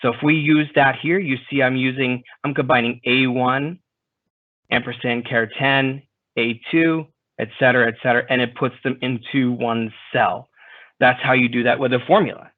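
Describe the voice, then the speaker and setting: A man presenting a software training session, talking in a relaxed, conversational way with fillers and self-corrections. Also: mid-range voice, normal speed. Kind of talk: screen-share software tutorial. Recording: tinny narrow-band call audio.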